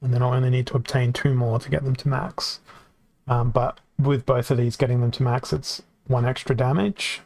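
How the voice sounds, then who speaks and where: This mid-range male voice is flat, a little fast, slightly mellow, and edged with vocal fry. He's a home streamer playing a card game at a desk microphone, musing out loud and fixing his own slips in laid-back commentary, his voice tiring from the long session.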